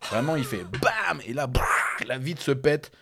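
A young man in casual chat with a friend, telling a story in an animated, slangy way and laughing often. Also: medium pitch, measured pace, creaky, heavy background noise.

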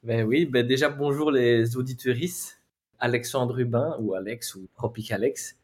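A man in his twenties with a Belgian French accent, chatting as a podcast guest, animated and often restarting his sentences. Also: mid-range voice, normal speed, breathy edge. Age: 20s. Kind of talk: casual interview chat.

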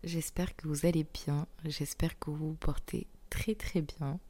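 The podcast host is a young woman with tonsillitis, hosting an intimate show alone. She speaks unhurriedly in a deep, fairly even voice, quietly pushing through a very sore throat and frequently slipping into a breathy near-whisper.

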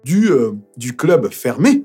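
A man from France speaks as a podcast guest in a relaxed interview. His voice sits in an ordinary middle pitch, and he jokes and tells stories with lively energy. Soft music plays faintly behind him. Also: measured pace. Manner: playful, jokey, expressive storyteller. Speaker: guest, musical theatre performer and dubbing actor.

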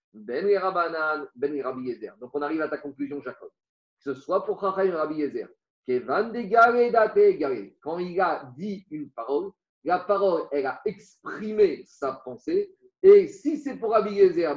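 A man teaching a Talmud class to students, explaining with rhetorical questions and Aramaic terms mixed into his talk. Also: high voice. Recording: roomy, dull lo-fi class recording.

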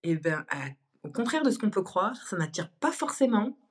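Chatty young woman guest, relaxed. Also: mid-range voice, normal speed, slightly rough. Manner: chatty, many fillers and restarts, laughs easily. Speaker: guest, content creator. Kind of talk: casual podcast conversation.

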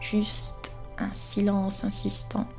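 A woman's voice: mid-range voice, completely flat delivery, slow, creaky, faint music behind. A young woman narrating her own story in a conversational way, often tagging lines with "hein" and speaking straight to her listeners. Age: young adult. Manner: conversational, frequent "hein", addresses listeners directly. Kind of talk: personal storytelling.

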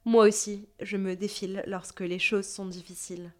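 A woman from Lebanon with a Parisian French accent reads a literary first-person narration in a measured, introspective manner. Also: mid-range voice, flat delivery. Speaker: narrator telling her own story.

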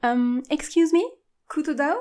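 A woman's voice: on the high side, little pitch movement, fairly quick, mellow, pitched above the performer's own voice, natural voice. A woman voicing an eager, impetuous young English lady who pleads and exclaims with urgency in a storybook reading. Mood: urgent.

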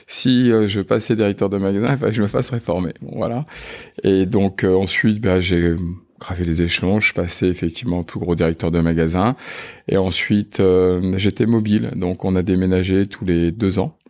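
Chatting casually in an interview, a French man in his fifties who runs a funeral home peppers his speech with hesitant fillers. He sits low and a little mellow, with a steady tone and slightly quick delivery.

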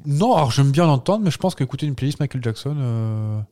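A man's voice: mid-range voice, lively intonation, brisk, dark tone. A man co-hosting a podcast in casual chat, playful and joking, rambling from one aside to the next. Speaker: podcast co-host.

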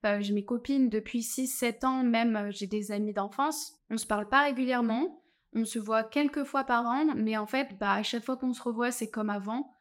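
Young woman, chatty vlogger, travel advice, many fillers, fairly high pitch. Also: steady tone, normal speed. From France. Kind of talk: casual advice talk.

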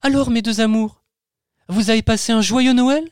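Male reader doing a gentle, soothing mother, higher voice, lively lilt. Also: normal speed. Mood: tender.

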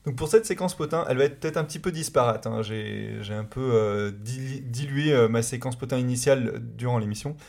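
A man's voice: medium pitch, a little fast, creaky, few pauses. Hesitant male radio host. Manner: relaxed, hesitant with many fillers. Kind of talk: casual film discussion.

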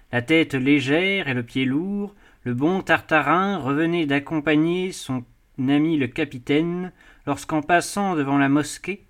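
Give me a male audiobook narrator, slightly high voice, unhurried and expressive. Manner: measured, expressive phrasing. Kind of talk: literary audiobook reading.

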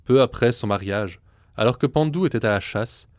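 A man telling a myth as a storyteller in measured, scripted narration. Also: medium pitch, dry recording, clean studio sound.

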